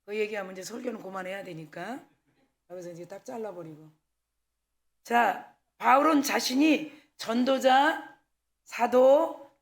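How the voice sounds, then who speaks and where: High, gravelly-voiced woman pastor preaching. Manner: candid, animated storytelling with acted-out dialogue. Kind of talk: sermon with personal anecdotes. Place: church service.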